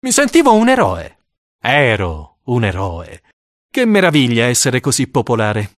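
A man narrating a first-person story for an audiobook, with dramatic, expressive storytelling. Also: medium pitch, dry recording, studio quality.

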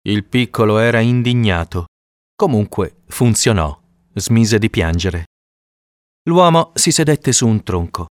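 A man narrating an audiobook in an expressive storytelling manner. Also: fairly low pitch, unhurried, dry recording, clean studio sound.

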